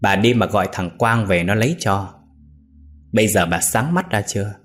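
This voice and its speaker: A cruel, brutish son, as a male storyteller plays him, snarling and cursing in a low, harsh voice. A storybook villain, contemptuous and bullying, with faint music behind. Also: lively intonation, moderate pace, a bit bright.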